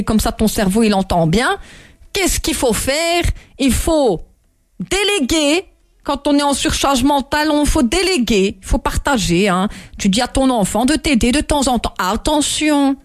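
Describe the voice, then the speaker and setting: A woman's voice: high voice, no room sound, studio quality. A woman hosting a show and giving casual, joking advice, who often repeats herself and breaks off mid-sentence. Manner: animated, jokey, self-interrupting, repeats herself. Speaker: host. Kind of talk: casual motivational talk.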